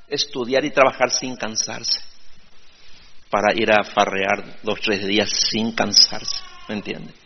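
A man with a gravelly, husky voice delivers a sermon in a loose, conversational way, checking in with his listeners through frequent tag questions. The recording sounds dull and lo-fi, with a long reverb trailing off the walls of a large hall. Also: medium pitch. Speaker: preacher.

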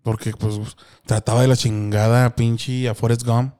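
A man's voice: mid-range voice, little pitch movement, a little slow, dark tone, smooth. A man with a Mexican Spanish accent, co-hosting a casual chat podcast, swearing freely, laughing often and acting out film lines. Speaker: podcast co-host.

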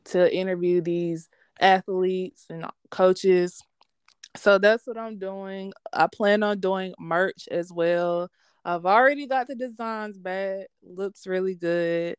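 A young woman talks in a relaxed, slangy and candid way, telling stories with lots of energy. Her voice is smooth and clear. The recording is close and dry. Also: lowish voice, takes it slowly, dry recording. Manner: candid, slangy, animated storytelling. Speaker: sports podcast host being interviewed. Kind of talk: casual interview.

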